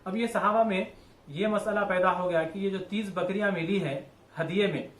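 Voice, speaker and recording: A man's voice: high-pitched, fairly even intonation, normal speed, a bit bright. Man giving a Quran lesson in an echoey room. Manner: explains step by step, repeats and rephrases. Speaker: Quran teacher. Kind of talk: religious lesson. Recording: echoey room with faint ambience.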